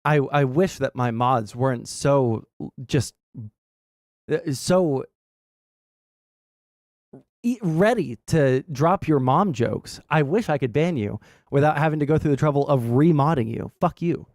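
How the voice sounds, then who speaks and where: Medium in pitch, animated and a touch mellow, the man's voice comes through with clean studio sound and no echo. He's running a casual gaming livestream, rambling and cursing bluntly, his explanations halting and studded with "right?".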